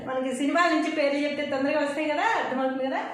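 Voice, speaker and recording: A woman teacher patiently spelling out letters one by one in a slow lesson. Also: sits high, fairly even intonation, a little hiss or hum. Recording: echoey room, mic far off.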